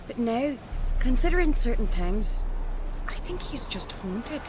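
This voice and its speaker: In a fantasy video game cutscene, an actress voices an earnest, headstrong young island noblewoman, speaking frankly like a storyteller and sounding convinced. Her voice is a little high and sing-song at a measured pace, with music and background noise behind it.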